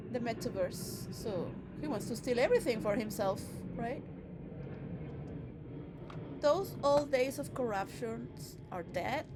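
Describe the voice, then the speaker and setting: A woman's voice: a little high, background noise. A woman from Venezuela whose first language is Spanish, vlogging in a meandering, blunt monologue that swears freely. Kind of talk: casual rambling monologue. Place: recorded at her own setting, she shows on camera.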